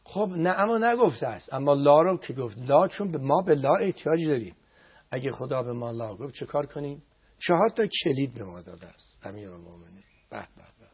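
A man with a gravelly, husky voice gives an emphatic religious talk for television. He repeats phrases for weight and slows into chanted prayers. The audio is dull and lo-fi, like an old broadcast. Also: mid-range voice, very animated. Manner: emphatic, chants Arabic prayers slowly with repetition. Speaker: religious speaker.

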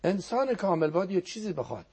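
A man's voice: high-pitched, very animated, mellow, breathy edge. A man giving a religious talk as a guest on a program, teaching earnestly and quoting Arabic prayers, his voice sometimes sinking to a near whisper.

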